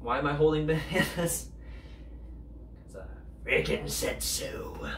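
A young man hosting a comedic home cooking vlog, goofy and jokey, sometimes breaking into loud mock commands, filmed in his kitchen on a camera mic. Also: a little high, animated, slow, creaky, roomy sound, very noisy. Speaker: cooking video host.

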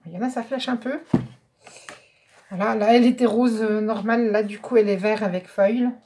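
A woman's voice: fairly high pitch, steady tone, a little fast, background noise. A French woman vlogging a craft haul, chatting casually and thinking aloud as she pages through paper pads. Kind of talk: casual show-and-tell.

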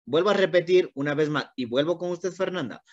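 An English teacher with an Ecuadorian Spanish accent who patiently corrects students and reads English lines slowly, word by word. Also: mid-range voice, dry recording. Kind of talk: online class instruction. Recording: dull, dry, lo-fi.

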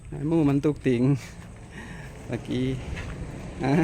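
A middle-aged man hosting his own farm vlog outdoors, talking in a relaxed, chatty way and often ending phrases with polite particles. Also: takes it slowly, background noise. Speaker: channel host.

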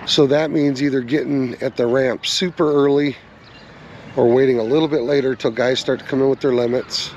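A man's voice: medium pitch, fairly even intonation, moderate pace, a little mellow, slight background noise. A man hosting an outdoor fishing report, giving tips in a folksy, instructive way and calling his viewers "guys.". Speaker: fishing channel host. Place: outdoors on or by the river.

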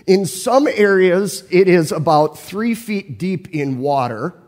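A man's voice: high voice, animated, slow, a little mellow, big-room sound. A man preaching a sermon, telling a personal story in a conversational way and asking his listeners questions. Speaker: pastor.

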